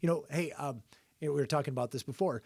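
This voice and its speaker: A man's voice: fairly high pitch, fast talker, a little mellow, no echo. An American man chatting casually as a podcast co-host. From Flint area, Michigan, United States. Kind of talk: casual chat. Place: bunker, indoors.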